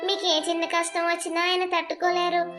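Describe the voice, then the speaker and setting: A woman voicing a timid, devoted young daughter-in-law in a cartoon family drama, soft and self-effacing. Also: very high-pitched, monotone, fast, soft background music. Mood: pleading.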